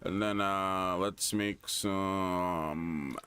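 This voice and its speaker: A young gaming streamer with a Guyanese American accent chats casually and thinks aloud while playing. His voice sits low, with a steady tone, and is very slow, smooth, pushed and bright.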